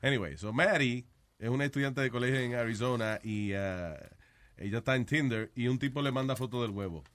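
A man's voice: mid-range voice, a little fast, fairly bright tone. A man hosting a radio show, joking casually as he mixes Spanish and English. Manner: joking, wry.

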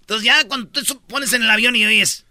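Mexicano animado, voz aguda y brillante. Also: male voice, very high-pitched, a little fast, dry recording, studio quality. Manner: animated storyteller, slangy, acts out characters. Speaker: host. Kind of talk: casual comedic news chat.

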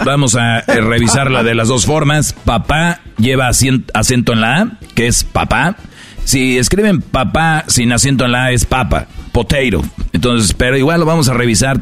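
A man co-hosting a joking radio show, laid-back and teasing as he spells out contest rules. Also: medium pitch. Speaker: radio co-host.

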